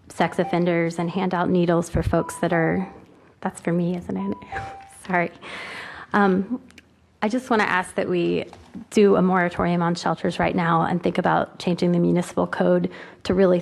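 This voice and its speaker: A woman speaking at public comment before a city council, slightly hesitant as she asks for a pause on new shelters. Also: lowish voice, creaky.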